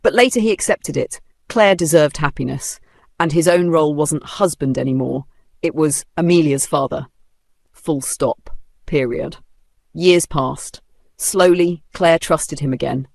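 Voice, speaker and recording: A man's voice: fairly high pitch, measured pace, gravelly, darkish tone, no room sound. A man with a Nigerian accent narrating a dramatic story with playful, humorous asides.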